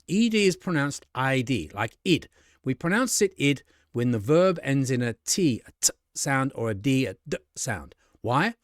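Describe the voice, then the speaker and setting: A man with a British English accent teaching pronunciation, slowly modeling example words and often checking "okay?". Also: a little high, no echo, studio quality. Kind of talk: explanatory lesson.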